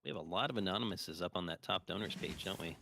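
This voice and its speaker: A man's voice: low-pitched, fast talker, gravelly, background noise. A man co-casting a live strategy game stream, explaining the rules in an upbeat way. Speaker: co-caster.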